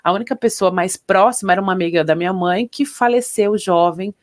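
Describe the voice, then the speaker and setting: A woman's voice: medium pitch, fairly quick. A middle-aged woman, a physician, telling her personal story as an interview guest in a reflective, emotional way. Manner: reflective, emotional, many tag questions.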